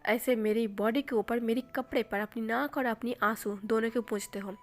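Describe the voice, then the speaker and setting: A woman's voice: on the high side, fairly even intonation, normal speed, close to an everyday voice. A woman doing a dry, teasing young man. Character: calm, teasing young man, unbothered best friend.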